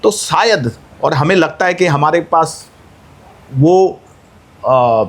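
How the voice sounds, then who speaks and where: A man's voice: a little high, expressive, takes it slowly. A man speaking as an activist guest, making a rousing, rhetorical appeal that climbs to emphatic peaks. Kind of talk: impassioned interview speech.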